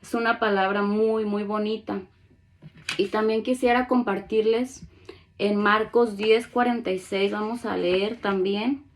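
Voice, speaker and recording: A woman's voice: mid-range voice, fairly even intonation, a little slow, slight background noise. A woman preaching a sermon with earnest conviction, reading scripture aloud and acting out pleas to God.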